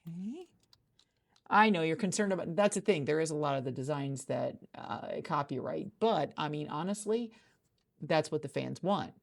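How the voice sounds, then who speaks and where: Speaking softly for an ASMR hiring-manager roleplay, a woman chats and rambles with lots of restarts, recorded in a friend's office. Her voice is deep and creaky, expressive, and moderately paced.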